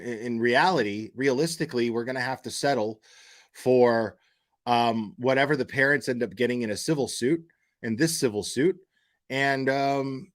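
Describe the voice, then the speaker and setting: A livestream host covering true crime casually speaks with a medium-pitched, slightly bright voice. He's blunt, emphatic and opinionated, using profanity, and he often repeats words and phrases while working through his point.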